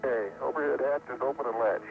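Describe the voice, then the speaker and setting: A man, an astronaut, giving brisk, clipped reports over a crackly space radio link. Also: medium pitch, creaky, faint music behind. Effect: crackly space radio transmission. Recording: tinny archival radio link from far off.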